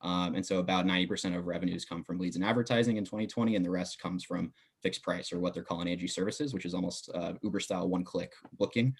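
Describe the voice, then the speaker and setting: A young man talks fast and at length as a podcast guest, his voice low and gravelly with a husky edge. His pitch barely moves, and his answers are full of ums and uhs. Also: fairly even intonation. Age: young adult. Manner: fast, detailed, uses filler words. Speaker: podcast guest, business student. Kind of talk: casual interview talk.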